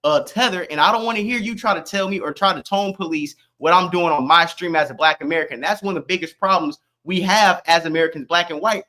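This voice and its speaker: A man's voice: high-pitched, fast talker, few pauses, sharp tone. A man from Florida streaming live, ranting at his chat in a brash, confrontational, mocking way.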